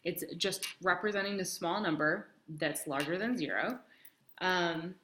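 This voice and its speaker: A woman's voice: fairly low pitch, a little slow, fairly bright tone, a little hiss or hum. Chatty woman teaching math, echoey room. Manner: chatty, many ums, talks to herself while writing. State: has the hiccups. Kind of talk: casual math lesson.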